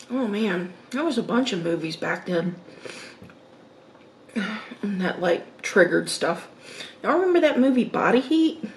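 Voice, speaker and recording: A middle-aged woman chats casually in the middle of a meal, thinking aloud at a leisurely pace. Her speech is broken by pauses and little mms as she eats. The room is echoey, with some background noise. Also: medium pitch, darkish tone, far from the mic. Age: 50s. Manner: eating while talking, with mm sounds and pauses. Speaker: mukbang host. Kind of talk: casual mukbang chat to viewers. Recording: roomy echo, background noise.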